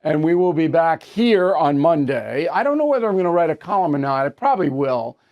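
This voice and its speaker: An older man hosting an opinion news show, bluntly interviewing guests and wrapping up with brisk, wry asides. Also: a little high, expressive, a little mellow.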